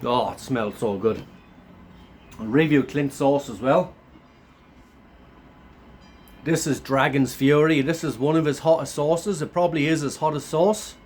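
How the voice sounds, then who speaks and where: A man chatting casually to camera as a food reviewer, laid-back and blokey, his voice thick and hoarse from a sore throat and sounding run down. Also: on the high side, normal speed, a little mellow, slight background noise. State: run down after a chest infection.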